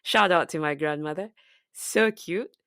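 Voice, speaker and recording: Her voice sits low and she talks a little slowly: a woman from Zambia co-hosting a podcast, her accent softened after years in the US and UK. The conversation is relaxed and reflective, full of fillers and restarts, recorded at studio quality with no echo.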